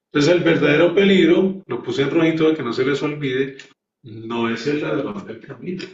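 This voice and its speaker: A man's voice: a little high, moderate pace. A man teaching a Bible class in a sermon-like way, stressing his points and putting rhetorical questions to his listeners. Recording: echoey, dull sound from a distant mic.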